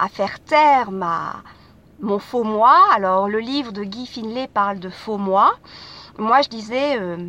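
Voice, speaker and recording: A woman with a slightly high, fairly bright voice hosts her own podcast in a hesitant, casual monologue filled with fillers and restarts. Street noise and passing vehicles can be heard.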